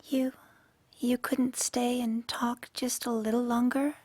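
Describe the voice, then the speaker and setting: A woman's voice: on the high side, little pitch movement, slow, darkish tone, no echo. A woman voicing a lonely, bitter pony princess of the night in a radio drama, speaking in formal, sorrowful diction. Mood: sad, resigned. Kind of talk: fan-made radio drama acting.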